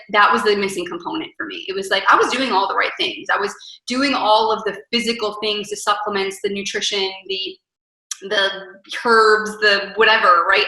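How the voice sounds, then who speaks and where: A woman's voice: medium pitch, pushed and bright. Earnest woman coach in an echoey room. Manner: earnest, emphatic, speaks in lists. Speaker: wellness coach, podcast guest. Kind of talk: casual interview conversation.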